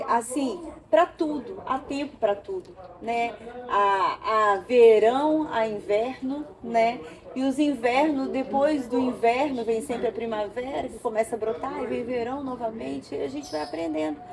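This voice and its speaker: A woman from Brazil, an interview guest, telling an emotional personal story with animated storytelling and acted-out dialogue. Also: on the high side.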